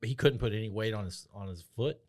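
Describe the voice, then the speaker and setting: A man co-hosting a sports podcast, tossing in quick wisecracks during casual chat. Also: fairly low pitch, darkish tone. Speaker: podcast co-host.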